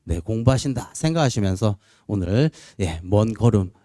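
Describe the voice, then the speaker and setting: Animated chatty male lecture voice. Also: lowish voice, moderate pace, no room sound, clean studio sound. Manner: chatty and animated, acts out students' and family's lines. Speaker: police promotion exam instructor. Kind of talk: classroom lecture, pep talk. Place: lecture room.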